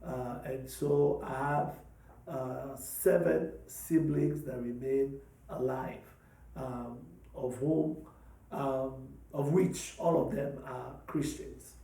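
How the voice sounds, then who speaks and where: Slow, gravelly-voiced man in his fifties. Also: mid-range voice, fairly even intonation, warm tone, echoey room, recorded from a distance, low-quality recording. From Democratic Republic of the Congo. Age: 50s. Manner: slow, hesitant, many pauses with fillers. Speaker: pastor and podcast host. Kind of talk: personal testimony talk.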